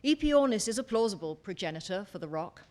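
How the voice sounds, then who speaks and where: A woman's voice: medium pitch, sing-song, fast, darkish tone. Woman reading book passages aloud. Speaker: co-reader of the book's passages. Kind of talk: scripted narration.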